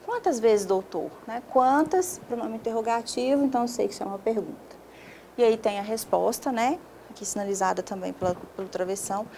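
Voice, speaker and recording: Woman teaching, slightly high voice. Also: steady tone, quick pace, gravelly, mellow, slight background noise. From Brazil. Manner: explains step by step with frequent "né?" checks. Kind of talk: video lesson.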